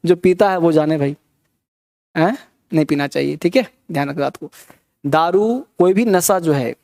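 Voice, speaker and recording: A man with a fairly high, slightly mellow voice teaches a vocabulary lesson. He drills word tricks in a repetitive, rhythmic way, repeating words and leading the class through call-and-response.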